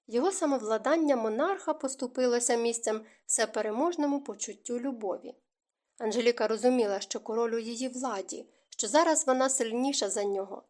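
A woman narrating a historical romance audiobook in a smooth, even storytelling manner. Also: on the high side. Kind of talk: scripted narration.

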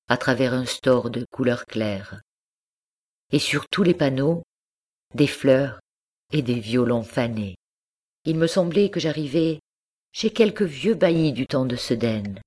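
Slow, measured woman reading a story aloud. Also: a bass voice, a little mellow, breathy edge. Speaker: audiobook reader. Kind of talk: scripted narration.

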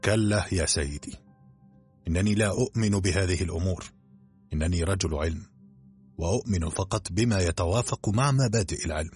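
Male reader plays a blunt, matter-of-fact doctor; low, husky tone, light music underneath. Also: a little fast, a little mellow. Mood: curt. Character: curt, rational male expedition doctor.

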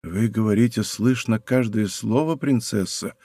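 A man's voice: on the high side, sing-song, moderate pace, a little mellow, no echo, voice pushed up. A man voicing a passionate, lovesick young nobleman in an audiobook, pleading in heated outbursts, recorded dry and close. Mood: stunned, hushed. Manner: impassioned, breaks into pleading outbursts. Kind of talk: audiobook character voice.

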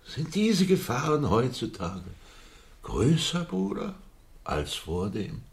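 A gentle old man in a classic radio play. He asks his questions slowly and hesitantly, in a gravelly voice that swoops up and down. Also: medium pitch, huge pitch swings, exaggerated voice. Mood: questioning.

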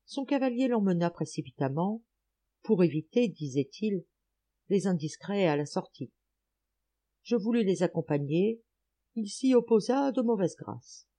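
A woman reads a literary audiobook with measured, careful phrasing. Her voice is warm and mellow in tone. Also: medium pitch, lively intonation. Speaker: audiobook reader. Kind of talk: scripted audiobook narration.

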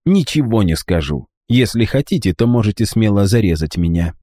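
A man's voice: fairly low pitch, lively intonation, normal speed, mellow, dry recording, studio quality. A man voicing a cheeky, cold-blooded young street boy with a mocking, calculating manner, in an audiobook. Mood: cocky. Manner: cocky, mocking, coolly calculating.

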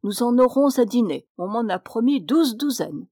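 A woman voicing a calm, courteous hotel waiter in a storybook reading. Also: fairly high pitch, normal speed, no echo, clean studio sound. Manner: politely unflappable.

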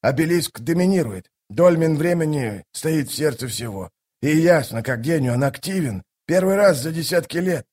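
A man's voice: fairly high pitch, lively intonation, moderate pace, few pauses, darkish tone, pitched above the performer's own voice. A man doing a muttering fussy soldier-mage. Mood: explaining. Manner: muttering, sighing.

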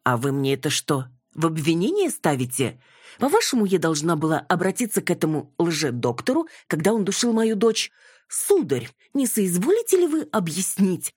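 A woman reading an audiobook, voicing a flustered, theatrical older mother who is an actress, in a high, dramatic and indignant manner. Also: a little mellow, slightly rough, dry recording, clean studio sound, exaggerated voice.

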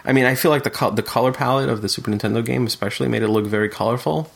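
A man's voice: medium pitch, racing, gravelly. A man co-hosting a casual podcast chat, talking thoughtfully with frequent fillers and restarts. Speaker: podcast co-host discussing retro games.

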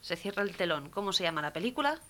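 Bright-voiced Spanish woman telling jokes. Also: fairly low pitch, quick pace. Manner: lively, chatty joke-teller. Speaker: radio comedy co-host.

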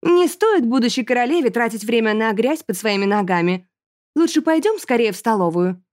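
A woman's voice: fairly high pitch, animated, a little fast, a little mellow, no echo, clean studio sound, lightly acted. Woman voicing a scornful, snooty noble girl. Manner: condescending.

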